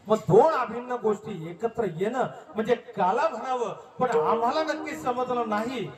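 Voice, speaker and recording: A man's voice: high-pitched, reverberant. Guy from maharashtra doing a kirtan sermon, keeps asking the crowd questions, mic far off, faint music behind. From Maharashtra, India. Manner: preaching with rhetorical questions to the crowd. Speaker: kirtan preacher. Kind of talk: devotional sermon.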